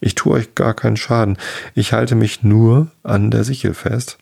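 A man's voice: on the low side, fairly even intonation, moderate pace, creaky, a little mellow, breathy edge, pitched above the performer's own voice, full character voice. A man voicing a hapless, tipsy countryman in a folk tale, fawning and flowery in his politeness.

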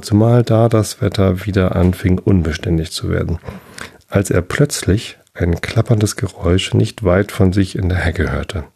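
A man narrating a fairy tale in a steady, measured storytelling manner. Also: low-pitched, gravelly, slightly rough.

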